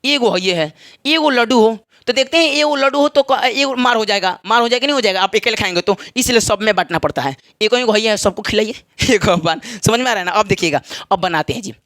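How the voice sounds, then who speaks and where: A man with a Bihari Hindi accent and a high voice teaches a spoken English lesson. He talks in a chatty, joking way, repeats examples and keeps asking his students if they follow. The sound is dry and close, with no room around it. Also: fast, a bit bright, no room sound. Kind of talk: classroom lesson at a whiteboard.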